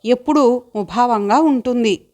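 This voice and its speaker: Middle-aged mother, mildly scolding, in a slightly high voice, for an audiobook, read by a woman. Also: a little slow, a little mellow, natural voice.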